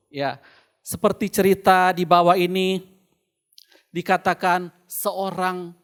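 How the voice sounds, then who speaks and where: Male preacher, Indonesian accent, slightly higher-set voice, unhurried sermon delivery with emphatic repetition, speaking through a face mask with slight muffling. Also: clean tone. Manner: deliberate, with pauses and repeated phrases for emphasis.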